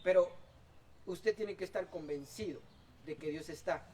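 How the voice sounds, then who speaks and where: A male pastor delivers an outdoor sermon, his voice rising to loud exhortation and falling to soft asides. He sits some way from the microphone, so the sound is distant. A faint background noise runs underneath. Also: sits high, unhurried. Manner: impassioned preaching, swinging between loud exhortation and soft asides. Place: outdoor church service.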